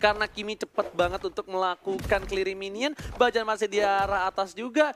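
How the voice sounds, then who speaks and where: A man with an Indonesian accent giving emphatic, animated, colloquial live game commentary in the manner of a fighting game announcer. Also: high voice, brisk, slight background noise. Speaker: esports shoutcaster. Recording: game music behind the voice.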